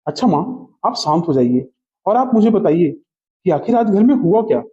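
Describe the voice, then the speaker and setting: A calm, fair-minded husband, as a man plays him in a family comedy skit. His voice is mellow and lively in pitch as he reasons things through. The audio sounds muffled and lo-fi. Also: normal speed.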